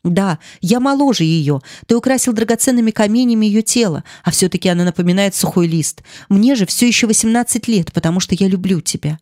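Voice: mid-range voice, animated, brisk, hardly any pauses, darkish tone, no room sound, clean studio sound, lightly acted. A narrator voicing a passionate young woman pleading with her lover in an audiobook. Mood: insistent. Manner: pleading, impassioned. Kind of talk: audiobook character reading.

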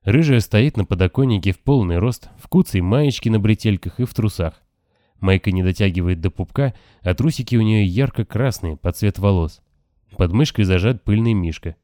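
Low dark male audiobook narrator. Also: normal speed, no echo, studio quality. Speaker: audiobook reader. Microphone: close, dry home recording.

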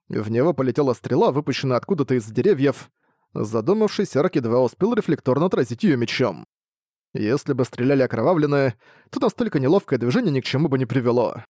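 Male narrator, audiobook, lively intonation, dry close sound. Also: medium pitch, no room sound.

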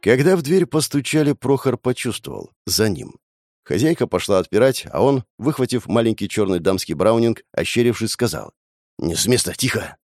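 A man narrating a radio play with tense, expressive storytelling. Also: mid-range voice, moderate pace, no echo, clean studio sound.

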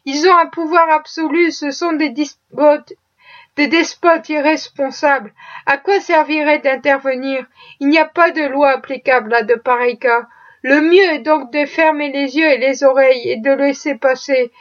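A woman reading the lines of a weary, cynical gentleman with slow, world-weary reasoning. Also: high-pitched, steady tone, muffled recording, close to an everyday voice. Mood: resigned.

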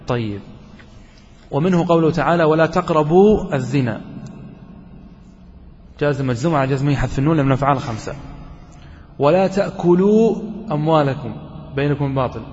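A man's voice: fairly high pitch, darkish tone. Man teaching grammar in an echoing hall. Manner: asks the listeners questions and answers them himself; slows down to chant quoted verses. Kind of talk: classroom grammar lesson. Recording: dull lo-fi sound with long hall reverb.

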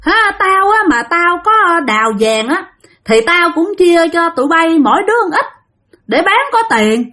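A woman voicing a drunk, boastful old gravedigger man, taunting loudly. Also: extremely high pitch, sing-song, moderate pace, voice pushed up, heavily acted. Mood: scornful boasting. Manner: loud mocking taunts.

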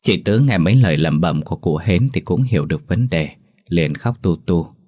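A man narrating a ghost story as a storyteller in a steady, measured reading. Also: low-pitched.

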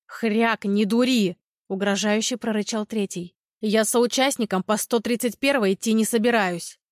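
A woman doing a gruff, blunt henchman. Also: sits high, moderate pace, a bit bright, no room sound, clean studio sound. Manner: gruff, growling.

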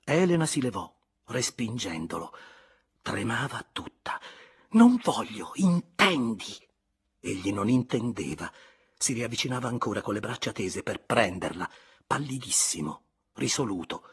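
A man narrating a classic novel in a measured, expressive audiobook reading. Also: on the low side, breathy edge. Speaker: audiobook reader.

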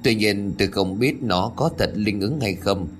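Brief: male narrator doing a solemn old exorcist, low and measured. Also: soft background music, close to an everyday voice. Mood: grave. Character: grave older male village exorcist.

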